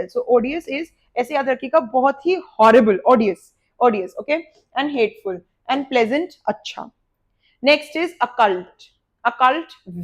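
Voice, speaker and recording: A woman with an Indian accent teaching a vocabulary lesson, explaining words with memory tricks and repeating them. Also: on the high side. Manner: lively explaining with repetition.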